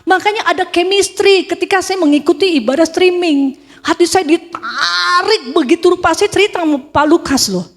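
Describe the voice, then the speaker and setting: Brief: middle-aged woman, high voice, emotional testimony in a reverberant church hall. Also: normal speed. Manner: emotional, animated storytelling with acted quotes. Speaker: church member giving testimony.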